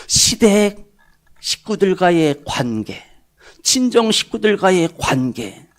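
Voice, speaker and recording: Animated, gravelly-voiced Korean pastor preaching. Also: male voice, high-pitched. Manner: animated preaching with sudden drops to a whisper. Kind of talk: sermon.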